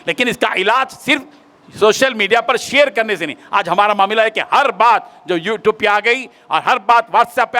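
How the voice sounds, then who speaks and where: A male maulana tells a moral story during a sermon and drives home its lesson emphatically. His voice is unusually high for a man and bright and cutting. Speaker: maulana preacher.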